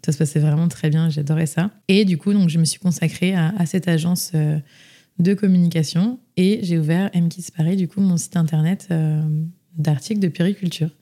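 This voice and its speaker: A woman's voice: on the low side, steady tone, fairly quick, dark tone. A young woman telling her story as a podcast guest, chatty, with many fillers and restarts. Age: young adult. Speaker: interview guest. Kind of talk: casual podcast interview.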